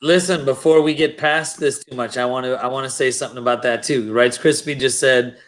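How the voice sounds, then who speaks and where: A man's voice: medium pitch, steady tone, a little fast, fairly bright tone. A man co-hosting a casual livestream chat, blunt and swearing as he retells run-ins. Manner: blunt, swears, retells stories with quoted voices. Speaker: livestream co-host.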